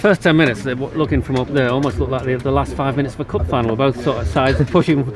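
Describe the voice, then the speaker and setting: A man interviewing a football manager on the pitch, asking chatty questions. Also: steady tone, fast. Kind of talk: post-match interview questions. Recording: outdoor pitch with crowd noise behind.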